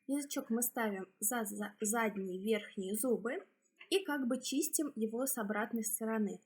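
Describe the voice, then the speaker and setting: A woman speech therapist explains exercises step by step, her halting, instructional delivery carried by a slightly husky, a little high, a little mellow voice.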